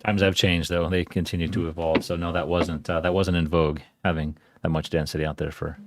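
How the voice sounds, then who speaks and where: Man, very deep voice, brisk, procedural, chairing a meeting. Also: little pitch movement, slight background noise.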